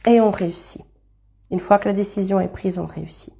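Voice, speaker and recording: Woman, chatty live card reader, soft warm tone, greets her viewers as she goes. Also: mid-range voice, a little fast, creaky, slightly rough. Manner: chatty, thinks aloud, greets viewers by name. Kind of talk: casual live-stream card reading.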